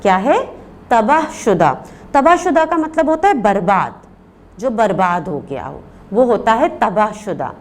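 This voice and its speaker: A woman's voice: medium pitch, very animated. A woman teaching a primary class, patient, repeating words for the children and asking questions she answers herself. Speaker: primary school Urdu teacher. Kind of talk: recorded remote lesson.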